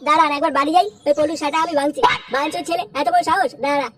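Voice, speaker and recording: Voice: sits high, fairly even intonation, racing, a loud crowd, close to an everyday voice. A performer voicing a strict, hot-tempered father who scolds and questions his son. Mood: stern. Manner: scolding, interrogating. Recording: loud background music.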